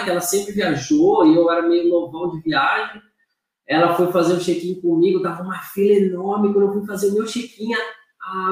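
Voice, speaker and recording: A young Brazilian man with a Brazilian Portuguese accent, telling a story as a guest in casual chat, chatty and repeating words with slangy fillers. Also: high voice. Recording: echoey room, far from the mic.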